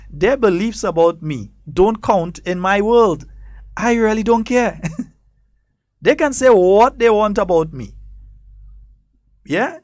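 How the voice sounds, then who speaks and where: A man with a high voice and a Trinidadian Grenadian accent hosts a political talk show in a radio studio. He sounds emphatic and defiant, repeating points for effect, and there's no echo on the recording.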